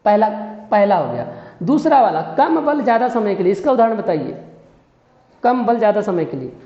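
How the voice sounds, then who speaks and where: A male physics teacher lectures a class, constantly asking questions, quizzing his listeners and repeating key phrases. His high-pitched voice swings widely in pitch at a normal speed. The recording sounds dull and echoey, with long room reverb.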